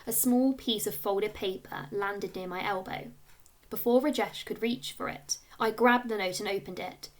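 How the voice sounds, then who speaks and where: Reading a children's story in the manner of a schoolteacher, a woman uses her mid-range voice at a moderate pace. Her narration is expressive, with clear emphasis on the storytelling.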